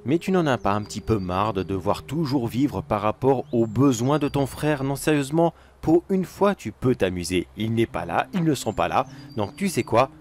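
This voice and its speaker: A man's voice: mid-range voice, sing-song, normal speed, hardly any pauses, slight background noise. A man telling an acted first-person horror story in a coaxing, wheedling voice that turns sinister.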